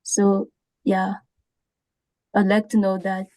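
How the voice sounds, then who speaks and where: A woman's voice: mid-range voice, monotone, slow pace, mellow, dry recording, rough recording. A woman attendee asking a formal, tentative question on a webinar video call.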